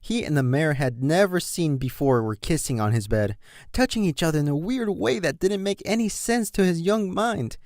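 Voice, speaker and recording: A man narrating a fan fiction audiobook in an expressive reading style. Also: on the high side, normal speed, dry recording, studio quality. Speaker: reader.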